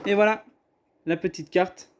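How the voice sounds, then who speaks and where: A man's voice: high-pitched, fairly even intonation, measured pace, very noisy. A man chatting casually as he opens trading card boxes on camera. He hesitates often and keeps apologizing. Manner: apologetic, hesitant, self-deprecating. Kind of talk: casual unboxing chat.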